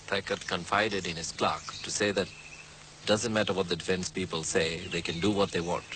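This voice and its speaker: A man's voice: sits low, steady tone, moderate pace, pushed and bright, a little hiss or hum, poor audio. A man recalling events in an interview, hesitant with many fillers yet emphatic. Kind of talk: interview recollection.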